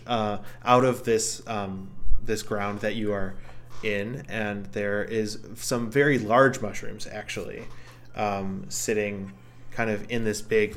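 A man's voice: fairly low pitch, a bit bright, slight background noise. A man improvising narration as game master of a tabletop game, hesitantly searching for his words.

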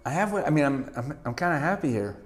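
Speaking quickly in a slightly high voice, a middle-aged man from Canada chats as an interview guest in a casual setting. He laughs easily and keeps restarting his words in an animated, stammering way.

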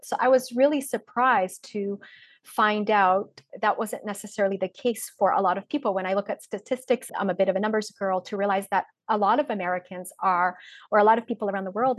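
A woman's voice: mid-range voice, brisk, no room sound, studio quality. A woman in her forties from Poland, a breathwork and mindset mentor, talking openly and reflectively as a podcast guest, with frequent fillers. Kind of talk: casual interview talk.

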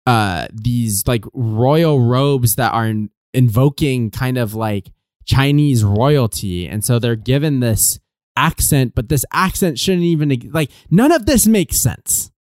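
A man co-hosting a casual film review podcast, talking in an animated, sarcastic way and laughing often. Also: mid-range voice, slow pace, dry recording, studio quality. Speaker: podcast co-host.

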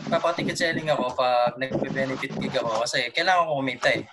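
A man hosting a casual group chat, talking in a relaxed way and prompting the others to speak. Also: medium pitch, fast talker, very noisy.

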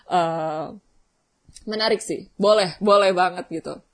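A young woman, hosting a vlog and chatting casually with viewers, telling a story in a slangy, animated way. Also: fairly low pitch, a little slow. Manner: chatty storytelling, slangy Jakarta-style, animated when excited. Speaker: vlog host.

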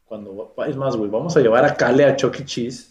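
A man's voice: mid-range voice, fairly quick, distant mic, highs cut off. Joking northern Mexican man, echoey room. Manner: joking, slangy, swears freely. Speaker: podcast co-host. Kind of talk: casual chat.

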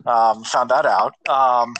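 A man's voice: mid-range voice, fairly even intonation, slow, background noise. A man co-hosting a podcast over an online voice call, recapping the plot at length with lots of fillers. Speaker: podcast co-host. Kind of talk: casual book discussion chat.

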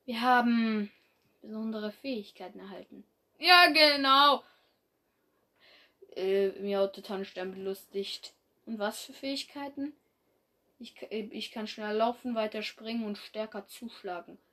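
A woman's voice: mid-range voice, fairly even intonation, normal speed. A young woman reading her own fan story aloud in a casual way, with slips and restarts as she goes.

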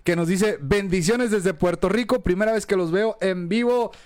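A man's voice: high-pitched, moderate pace, noisy background. A man with a Mexican accent, co-hosting a podcast, joking casually and reading out viewer comments. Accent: Mexican Spanish. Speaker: podcast co-host.

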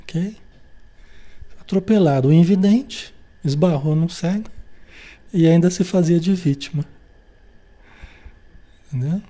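A Brazilian teacher leads an informal spiritual study session in a mellow, warm-toned voice. Tag questions keep coming as the teacher checks that the group is following. Short everyday dialogues are played out along the way to make each point. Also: medium pitch, unhurried, long pauses. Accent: Brazilian Portuguese. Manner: acts out quoted everyday dialogues.

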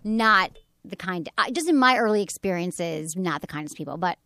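Fast-talking woman podcast host. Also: fairly low pitch, animated, bright, forceful tone, dry recording, clean studio sound. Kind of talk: casual chat. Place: radio studio. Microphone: studio microphone.

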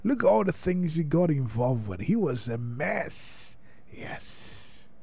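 A man hosting the program, commenting in a slow, gentle preaching tone. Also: a little high, sing-song, vocal fry, breathy edge, dry recording. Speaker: program host. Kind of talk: reflective commentary.

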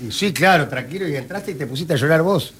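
A man's voice: on the high side, lively intonation, fast talker, a bit bright, slight background noise. A man with a Uruguayan accent, hosting a comedy panel, teasing the others and cutting in. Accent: Uruguayan Spanish. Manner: teasing, keeps interrupting. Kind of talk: teasing banter.

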